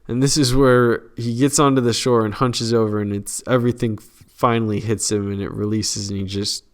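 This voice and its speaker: A man's voice: medium pitch, fairly even intonation, moderate pace. A young man casually retelling a film's plot as a podcast host, rambling and acting out quoted lines in slang.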